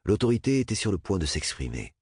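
A man narrating a novel as an audiobook in a measured, expressive way. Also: low voice, slightly rough, dry recording, studio quality. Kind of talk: audiobook reading.

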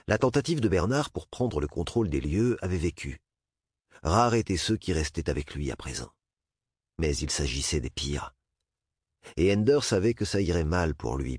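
A man narrating a novel as an audiobook in a measured, expressive way. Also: low-pitched, husky, dry recording, clean studio sound. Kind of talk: audiobook reading.

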